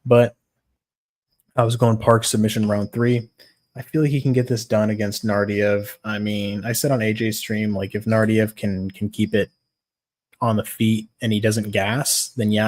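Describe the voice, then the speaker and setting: A man's voice: fairly low pitch, level tone, normal speed, darkish tone. A tired young man casually chatting on a livestream, giving fight picks, swearing now and then and greeting viewers by name. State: tired, yawning.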